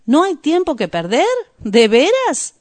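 A woman voicing a flustered, agitated male detective in a read-aloud story, often shouting. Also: sits high, sing-song, measured pace, dry recording, pitched above the performer's own voice.

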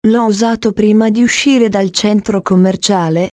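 A woman's voice: mid-range voice, fairly even intonation, normal speed, darkish tone, no echo, clean studio sound, natural voice. A woman reading the lines of a worried woman whose phone was stolen, in a plain, earnest way. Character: worried woman who lost her phone.

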